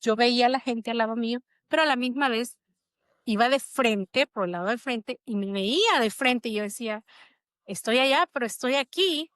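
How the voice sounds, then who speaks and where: A woman's voice: on the high side, moderate pace, a bit bright, no echo. A middle-aged woman, an interview guest, telling a personal story in a reflective, emotional way. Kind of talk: conversational interview.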